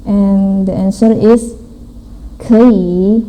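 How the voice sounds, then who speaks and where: A woman teaching a language class, explaining slowly step by step and mixing in English phrases. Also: mid-range voice, steady tone, warm tone, low-quality recording. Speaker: Mandarin teacher. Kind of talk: online language lesson.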